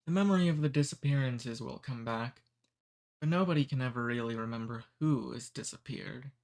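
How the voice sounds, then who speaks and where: This ASMR roleplay has a man portraying a courteous demon who abducts people, his soft voice amused, cordial and gently teasing rather than threatening. The pace is easy but fairly quick, and his natural, medium-pitched voice rests in a plain middle register.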